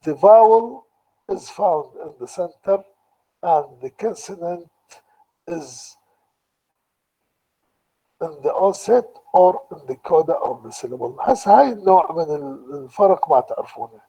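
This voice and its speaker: A man with an Iraqi Arabic accent giving a university lecture online, explaining slowly and deliberately and restating each point in two languages. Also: high voice, animated, mellow, slightly rough, rough recording.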